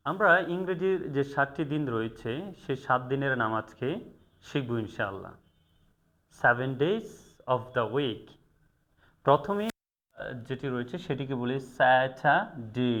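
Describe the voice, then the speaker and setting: Man drilling English words slowly. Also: mid-range voice, a bit bright. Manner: slow and repetitive, drilling pronunciation. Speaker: English teacher. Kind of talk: video lesson.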